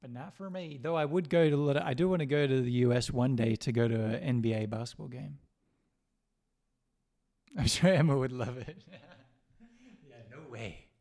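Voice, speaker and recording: A man's voice: medium pitch, moderate pace, pauses often, a little mellow. A man hosting a livestream, chatting casually and rambling between jokes. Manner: rambling, joking, laughs often. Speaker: livestream host.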